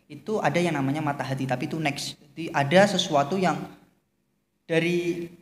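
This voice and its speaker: A podcast guest with a fairly high-pitched male voice speaks at normal speed, lecturing at length on his views in a relaxed religious conversation and slipping in Javanese phrases. The room echoes with a long reverb and a faint hum.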